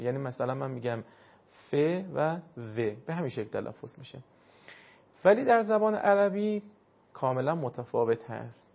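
A man teaching pronunciation of Arabic letters for recitation, patiently explaining and slowly demonstrating sounds. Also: mid-range voice. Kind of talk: instructional lesson. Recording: dull lo-fi recording.

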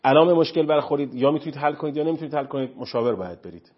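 A man's voice: on the high side, lively intonation, breathy edge. A man speaking as a counselor on a talk show, earnest and emphatic, lecturing. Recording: dull lo-fi recording.

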